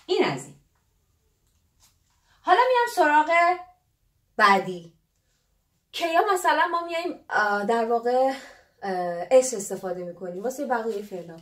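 A woman teaching English grammar in a lively way, explaining at a board and drawing out English words slowly. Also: on the high side, roomy sound, far from the mic.

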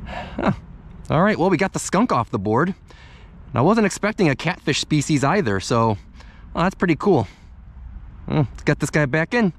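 A young vlogger fishes from a snowy riverbank in winter, casually narrating to a close-range body-worn or handheld camera and thinking aloud about each catch. He speaks at normal speed in a fairly high, sing-song voice, pausing often, with a little hiss or hum present.

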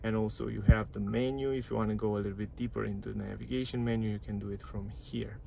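A fast-talking car reviewer with a lowish, gravelly, mellow voice and fairly even intonation walks casually through a parked car's dashboard and touchscreen menus. He chats, repeats phrases, and uses non-native grammar; there's slight background noise.

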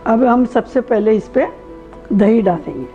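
A middle-aged woman hosting a cooking show, calmly explaining each step of a recipe in detail. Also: fairly high pitch, a little slow, muffled recording, soft background music.

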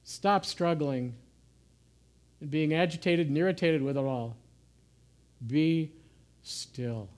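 A man giving an informal sermon in a gentle, conversational way, sometimes dropping to soft, hushed asides. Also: fairly high pitch, slow pace, long pauses. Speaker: pastor. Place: church.

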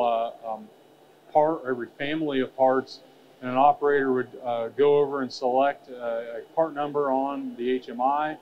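A man in his thirties presents on a curtained expo stage into a headset mic. He talks at a middling pitch, halting often with fillers and restarts. The sound is a little dull, with a faint murmur of the hall behind him. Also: a little hiss or hum. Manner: hesitant, many fillers and restarts. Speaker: trade show presenter. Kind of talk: conference presentation.

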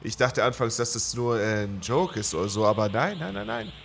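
A man doing gameplay commentary, excitable, swearing and yelling at the game. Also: medium pitch, fairly quick, gravelly, slight background noise. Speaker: let's play gamer.

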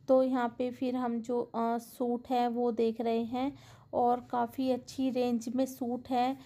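A woman's voice: a little high, mellow. A woman with a Delhi accent narrating a shopping vlog in a busy market, chatty and explaining as she walks with a handheld phone. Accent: Delhi Hindi. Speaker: vlogger. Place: busy indoor and street market. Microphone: handheld phone camera.

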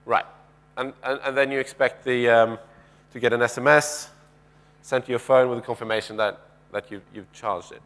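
A man in his thirties gives a conversational keynote through a headset mic on a large conference stage, pacing and gesturing. His medium-pitched voice is steady and fairly bright at a moderate pace. He asks the audience questions and often restarts his sentences.

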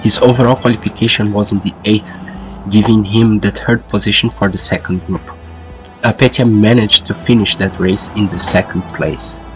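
Low, congested duck-voiced man commentating. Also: steady tone, normal speed, fairly bright tone, rough recording. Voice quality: congested, sick-sounding "duck voice". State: sick with a lingering cold. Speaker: sim racing commentator and host. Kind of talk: race qualifying commentary. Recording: music behind the voice. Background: background music.

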